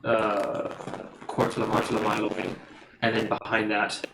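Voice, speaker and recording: Male game master, lowish voice, hesitant rambling narration, echoey room, noisy stream. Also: level tone, fairly quick, vocal fry. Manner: rambling descriptions with many fillers and restarts. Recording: roomy live stream with background noise.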